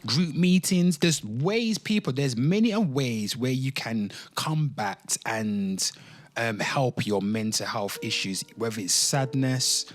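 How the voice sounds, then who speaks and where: A man hosts a laid-back online commentary show, with faint music under his voice. Rambling, he lets his pitch swing widely, repeats lines for emphasis and drifts into dramatic readings. He speaks in slang, swears often and talks straight to his listeners as people.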